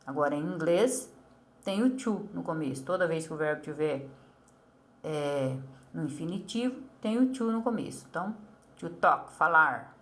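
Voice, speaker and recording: A woman with a Brazilian accent, explaining an English lesson to a child and saying English model phrases slowly and carefully. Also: deep voice, lively intonation, fairly bright tone. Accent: Brazilian Portuguese. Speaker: English teacher.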